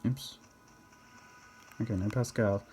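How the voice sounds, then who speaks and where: A man's voice: fairly low pitch, fairly even intonation, takes it slowly, dark tone, husky, faint music behind. A man giving casual, rambling game commentary, thinking aloud and often questioning himself in a hesitant way. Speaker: gamer narrating own gameplay.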